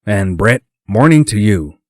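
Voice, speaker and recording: Guy doing a friendly easygoing dad type, low voice. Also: big pitch swings, measured pace, no room sound, studio quality.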